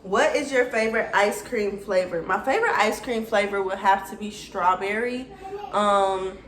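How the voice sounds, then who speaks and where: In a reverberant space with slight background noise, a woman in her twenties chats with her viewers in a get-to-know-me YouTube video. She's from Atlanta, Georgia, USA, with an Atlanta Southern US accent, and talks directly to the audience in a slangy, chatty way. Her voice is medium-pitched and fairly bright, at normal speed.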